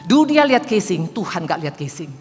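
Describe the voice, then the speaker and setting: Fast-talking woman preacher in her fifties, voice bouncing all over, echoey church hall. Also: lowish voice, faint music behind. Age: 50s. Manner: animated, swings from quiet storytelling to loud exclamations; asks the congregation "betul?" often. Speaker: evangelist preacher. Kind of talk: Pentecostal-style sermon with testimony.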